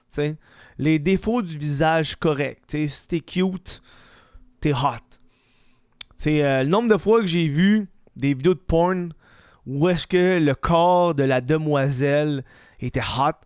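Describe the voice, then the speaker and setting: Lisping Quebec man with a clear, higher voice. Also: no room sound, clean studio sound. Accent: Quebec French. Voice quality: lisp, slushy s from dental aligners. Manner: rambling, swearing, slangy. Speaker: podcast host. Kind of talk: casual comedic solo podcast.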